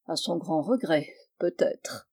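A woman narrating an audiobook of a classic novel in a measured, expressive storytelling manner. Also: low voice, husky. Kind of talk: audiobook reading.

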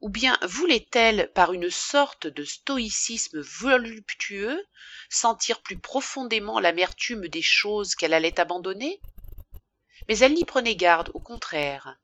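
A woman narrating a classic novel for an audiobook in an expressive, measured reading. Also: mid-range voice, dry recording.

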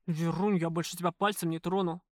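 A woman voicing a crude, pushy male restaurant boss in an audiobook, gruff and wheedling by turns. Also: fairly low pitch, fairly even intonation, fairly quick, dry recording, clean studio sound, natural voice. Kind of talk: audiobook character voice.

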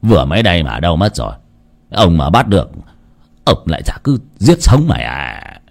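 A man doing a gruff old grumbling guard. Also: low-pitched, sing-song, normal speed, pitched below the performer's own voice, exaggerated voice. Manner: muttering curses, gruff.

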